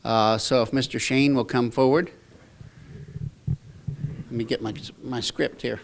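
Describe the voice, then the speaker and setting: A man's voice: mid-range voice, fairly even intonation, slow pace, vocal fry, noisy background. An American man administering a rote oath, with informal ceremony directions. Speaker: official administering oaths.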